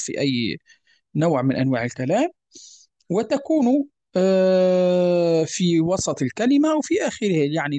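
A man's voice: fairly high pitch, mellow, no echo. A man teaching a tajwid lesson, explaining patiently, repeating examples and checking that students follow. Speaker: Quran recitation teacher. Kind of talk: explanatory lesson with verse recitation.

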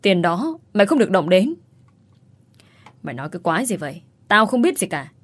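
A woman's voice: medium pitch, big pitch swings, brisk, husky. A woman voicing a harsh, bullying older mother-in-law who scolds with coarse words. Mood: scolding.

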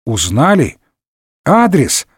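A man voicing an excitable young Gascon musketeer in a comic audiobook. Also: fairly high pitch, slow, breathy edge, dry recording, studio quality, heavily acted. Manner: excitable, exclamatory.

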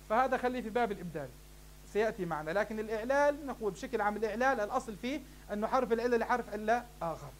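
There's slight background noise behind this high-pitched male voice. In a classroom lecture, a sheikh explains Arabic morphology, raising questions and then answering them, with a warm "beloved ones" for his listeners.

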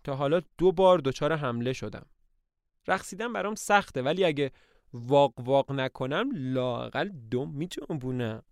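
A man's voice: medium pitch, smooth, no room sound, close to an everyday voice. A man reading aloud voices a hapless, ailing middle-aged landowner with a self-pitying manner.

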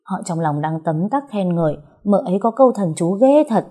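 Woman narrating a story in a dark, husky voice. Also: fairly low pitch, expressive, moderate pace.

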